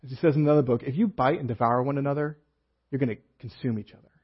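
A man's voice: mid-range voice, steady tone, quick pace, breathy edge, muffled recording. A man preaching a sermon as a pastor, reading scripture aloud and explaining it with casual asides and humor.

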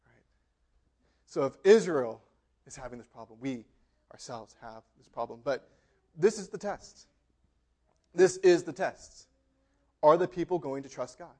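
A pastor delivers a sermon in a conversational, joking style with an American accent. His mid-range voice is expressive, moving at a moderate pace with long pauses, and he keeps dropping in "right?", laughing, and acting out quotes.

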